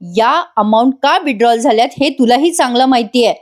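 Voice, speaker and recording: An upset young wife argues with her husband, pleading and exasperated, as a woman reads her part. The voice is high and pushes higher still. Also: a little fast, close to an everyday voice.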